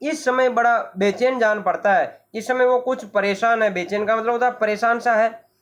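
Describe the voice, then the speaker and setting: A Hindi teacher explaining a school play, going slowly and repeating each point, pausing to give the meanings of words. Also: medium pitch, steady tone. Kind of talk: classroom lesson explanation.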